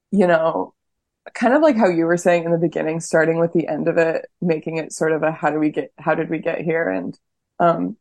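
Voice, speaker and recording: A woman's voice: sits low, no room sound. A woman guest on a podcast, talking casually and thoughtfully, hesitating often and saying "like" a lot. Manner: thoughtful, hesitant, heavy use of "like". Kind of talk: casual chat.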